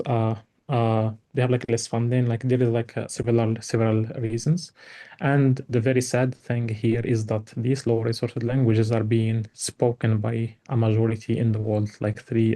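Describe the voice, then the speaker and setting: An invited speaker from Morocco, whose first language is Tarifit, gives an academic talk on slides in a warm, medium-pitched voice. His delivery is full of fillers and restarts, leaning heavily on "like."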